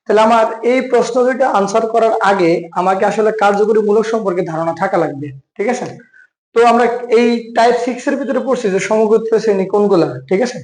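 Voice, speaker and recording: A Bangladeshi Bengali man teaching an exam-prep chemistry lesson, with a very high voice that stays light and quick. He keeps firing questions at the viewer and answering them himself, often calling them brother. The sound is echoey, as if he is in a bare room. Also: darkish tone. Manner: quizzes listener then answers himself. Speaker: chemistry tutor.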